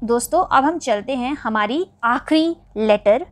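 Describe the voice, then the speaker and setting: A woman with an Indian accent teaching English vowel sounds in Hindi. She spells each word letter by letter and then says it again slowly. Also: fairly high pitch, expressive, no echo.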